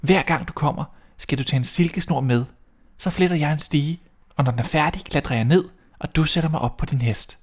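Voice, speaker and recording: A man doing a gentle young maiden. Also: on the high side, voice pushed up, natural voice. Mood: earnest. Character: gentle young girl locked in a tower.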